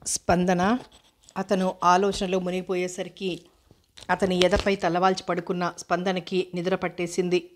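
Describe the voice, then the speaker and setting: A woman reading a novel aloud in a steady, even voice. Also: lowish voice, moderate pace, slight background noise. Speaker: audiobook narrator.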